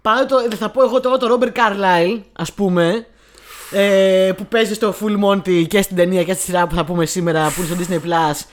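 A woman's voice: mid-range voice, fairly even intonation. A woman co-hosting a casual podcast, enthusiastic and often searching for words. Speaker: podcast co-host.

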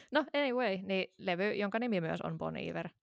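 A woman's voice: mid-range voice, animated, vocal fry, a little mellow, no room sound, studio quality. A woman in her thirties, a podcast co-host, chatting casually and rambling with many fillers and restarts. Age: 30s. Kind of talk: casual chat.

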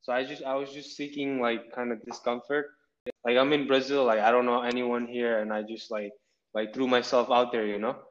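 A man of twenty-one from Nepal talks as a podcast guest in an easygoing, meandering way, circling back on himself. His voice sits at an ordinary male pitch. It reaches us over a muffled, lo-fi remote line. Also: little pitch movement, a little fast. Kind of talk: casual interview chat.

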